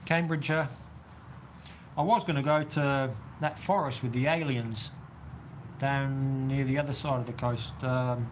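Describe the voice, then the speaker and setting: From a weather shelter out on a golf course, a man with a New Zealand accent answers viewer comments on a livestream, rambling casually. His mid-range voice is steady and unhurried, with a little hiss or hum.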